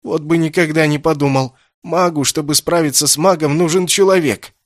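A man's voice: mid-range voice, lively intonation, a little fast, a bit bright, no echo, studio quality. A man doing an insolent young captive. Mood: defiant. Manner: insolent, mocking, defiant. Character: defiant young male captive, mocking and stubborn. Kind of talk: audiobook character reading.

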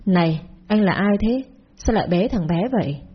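A husky-voiced woman voicing a protective young male neighbor who speaks firmly and asks pointed questions in a storybook tale. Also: sits high, animated, moderate pace, highs cut off. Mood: suspicious. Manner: firm, questioning.

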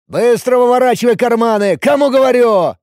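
A man voicing a rough young male gang leader who barks orders in crude slang. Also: high voice, sing-song, moderate pace, darkish tone, no room sound, clean studio sound, voice pushed up. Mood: bossy.

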